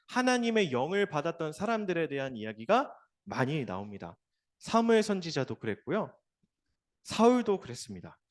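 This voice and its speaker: A man giving a children's sermon as pastor, telling a Bible story in a lively way and asking the children questions. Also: fairly high pitch.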